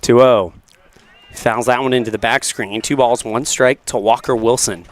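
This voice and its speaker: A man doing radio play-by-play for a baseball game, calling each pitch steadily and building up loudly on big hits, from a spot outdoors by a tent. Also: moderate pace. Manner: calls pitches steadily, rising to excited bursts on big hits. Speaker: play-by-play announcer. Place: outdoors beside a tent at a ballpark.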